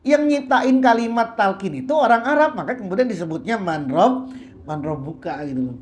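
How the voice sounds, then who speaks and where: A woman's voice: mid-range voice, animated, a little fast, a little mellow. Woman teaching a kitab study, echoey. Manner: reads Arabic phrase by phrase and explains casually. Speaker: religious teacher. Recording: roomy echo with faint hiss.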